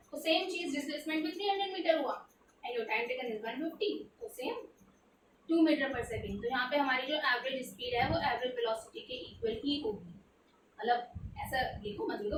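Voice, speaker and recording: A high-voiced woman walks through a physics problem, posing questions and answering them herself, with English terms mixed into her Hindi. She sits back from the mic in an echoey room, with faint noise behind her. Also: fairly bright tone, distant mic. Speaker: tutor. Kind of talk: explaining a textbook physics problem.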